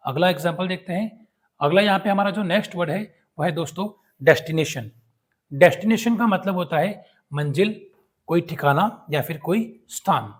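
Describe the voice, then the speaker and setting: Guy teaching english words, kinda husky voice, a bit high, reads every example slow and twice. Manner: reads each example sentence very slowly and twice, then explains it. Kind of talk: vocabulary lesson.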